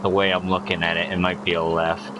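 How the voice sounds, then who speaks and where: A young man streams a video game and thinks aloud as he drives. His voice is very deep. He talks in a loose, casual way. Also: little pitch movement, a little fast, background noise. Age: young adult. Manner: musing, talking to himself while driving. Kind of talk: casual gameplay chat.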